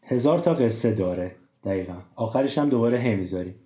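Man, host, explanatory, mellow voice, echoey room. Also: on the low side, lively intonation. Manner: explanatory, gives examples, hesitant fillers. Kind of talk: casual discussion of Persian writing rules. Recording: roomy, dull lo-fi sound.

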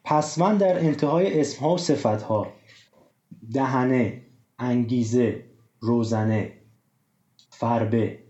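A man's voice: mid-range voice, long pauses, mellow. A man hosting a casual discussion, explaining with many examples and hesitant fillers. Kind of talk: casual discussion of Persian writing rules. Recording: roomy, dull lo-fi sound.

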